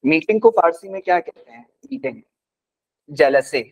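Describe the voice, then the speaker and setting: A man teaching a class as a language teacher, patiently repeating words slowly for his students. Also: on the high side, lively intonation, a little mellow. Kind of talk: classroom lesson. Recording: dull lo-fi recording.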